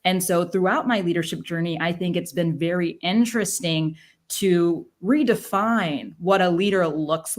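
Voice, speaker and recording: This woman, whose voice is on the low side, is a leadership coach being interviewed on a podcast. Her delivery is quick and flatly emphasized, and she habitually caps sentences with "right?".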